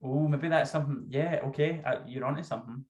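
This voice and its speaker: Scottish guy, thick accent, casual author chat, mid-pitched voice. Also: quick pace, darkish tone, highs cut off. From Scotland. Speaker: guest author. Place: small home room, video call. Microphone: video call.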